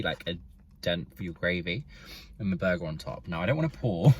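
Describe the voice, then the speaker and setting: Deep-voiced guy eating in his car. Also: a little hiss or hum. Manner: chatty, talks with his mouth full while eating. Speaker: vlogger. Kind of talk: casual food review to camera. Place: inside a parked car.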